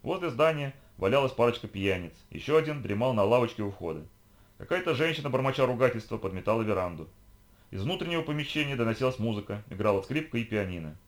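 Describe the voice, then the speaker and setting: A man reading an audiobook chapter in a brisk, even storytelling manner. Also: medium pitch. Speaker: audiobook reader. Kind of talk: audiobook narration.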